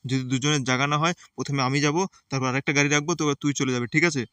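A man's voice: medium pitch, fairly even intonation, racing, a bit bright, clean tone, no room sound, natural voice. A man voicing a bossy but caring uncle who reassures and lectures his nephew. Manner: reassuring, lecturing, repeats "ঠিক আছে". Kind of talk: game play voice acting.

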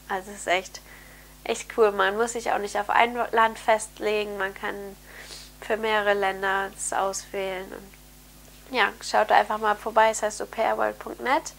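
Sitting in her brightly lit bedroom, this young au pair and vlogger talks upbeat to the camera while nursing a cold that leaves her mid-range voice nasal, a bit hoarse and prone to throat clearing. She rambles chattily with plenty of fillers. The close camera mic picks up a little hiss or hum.

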